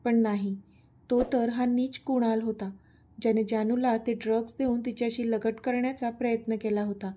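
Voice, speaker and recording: A woman's voice: fairly high pitch, fairly even intonation, normal speed, dark tone. A woman reading a romantic story serial aloud as narrator. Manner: reads all characters' dialogue in near her own voice.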